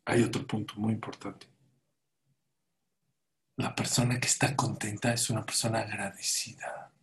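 Man giving a lively sermon. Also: on the low side, moderate pace. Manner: animated storyteller, acts out quoted voices. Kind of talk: sermon with storytelling.

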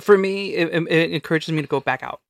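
A man with a fairly high-pitched voice, chatting loosely on a podcast as a co-host. He talks in a loud, relaxed way and swears often. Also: quick pace, creaky, dry recording. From California. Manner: loud, laid-back, swears a lot. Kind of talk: casual chat.

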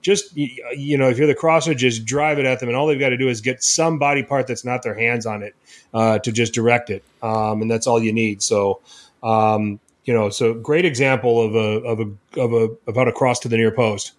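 A man's voice: mid-range voice, fairly even intonation, brisk. A man hosting a casual football podcast, recapping matches with lots of fillers and restarts. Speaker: podcast host.

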